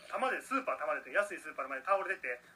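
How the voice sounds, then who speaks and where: A man from Osaka with a Kansai accent, hosting a casual comedy chat show and telling stories in an animated way, laughing often. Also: on the high side, rapid-fire. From Osaka, Japan. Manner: animated storytelling, frequent laughter. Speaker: comedian radio host.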